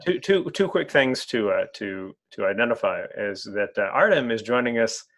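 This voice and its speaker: A man's voice: fairly low pitch, lively intonation, normal speed, fairly bright tone. A man interviewing a guest in an online club meeting, who often repeats words while searching for phrasing.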